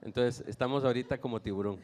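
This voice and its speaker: A man's voice: mid-range voice, steady tone, fast, darkish tone. Nicaraguan-born man telling his testimony. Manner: storytelling, lightly humorous anecdotes. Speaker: guest giving a testimony. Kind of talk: personal testimony to a church audience.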